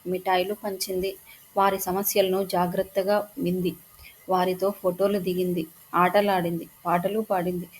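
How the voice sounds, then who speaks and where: A woman narrating a short story in a steady, measured reading voice. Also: fairly low pitch, slight background noise.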